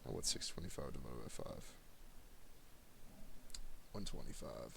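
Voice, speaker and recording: A tired man teaching math to his students in a recorded lesson, speaking in a monotone and addressing the class directly. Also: a bass voice, unhurried, vocal fry, noisy background.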